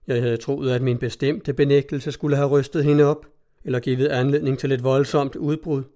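A man narrating a novel in the first person, in a measured, even storytelling manner. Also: medium pitch. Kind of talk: scripted audiobook narration.

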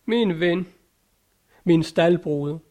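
A man's voice: a little high, lightly acted. A man voicing a brooding, guilt-ridden man full of despair in a read-aloud story. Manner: dark, despairing.

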